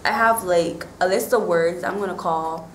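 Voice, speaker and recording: A woman in her twenties with a Bajan (Barbadian) accent chats casually to the camera as a vlogger. Her voice sits fairly low and moves at a moderate pace. She's in a small indoor room with bare walls, and the recording has a roomy echo and faint background noise.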